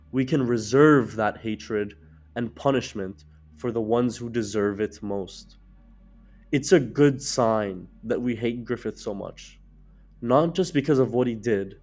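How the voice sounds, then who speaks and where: A man with a raspy, hoarse voice from being sick, reading a scripted video essay in a measured, reflective way. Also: medium pitch, a little mellow. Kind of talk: scripted narration.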